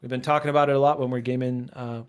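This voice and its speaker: A man's voice: mid-range voice, level tone, rapid-fire, clear, resonant tone. A man hosting a casual podcast, upbeat and teasing. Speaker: podcast host. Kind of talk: casual chat.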